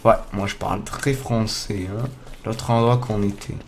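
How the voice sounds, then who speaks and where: Excitable swearing young gamer guy. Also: on the low side, unhurried, slight background noise. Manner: excitable, swears a lot, talks to the viewers; loud startled outbursts and laughs. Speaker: gamer playing a survival game. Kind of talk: casual let's play commentary. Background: faint game music.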